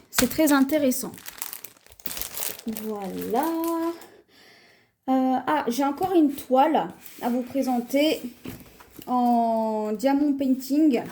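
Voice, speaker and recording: A woman with a French accent, chatting slowly through a haul video at home, showing her purchases with many pauses and fillers. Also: a little high, background noise. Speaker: haul vlogger. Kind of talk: casual haul video, showing items to camera.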